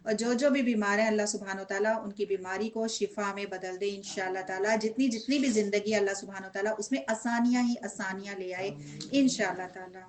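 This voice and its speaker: A woman teaching a Quran lesson to a class, asking them questions and answering them in an animated way. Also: mid-range voice. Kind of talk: religious lesson with class responses.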